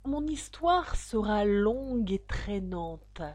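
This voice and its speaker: A woman's voice: fairly low pitch, big pitch swings, a little fast, husky, dry recording. A woman doing a curt, touchy mouse. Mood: stern. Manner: curt, severe. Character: touchy, stern little female mouse.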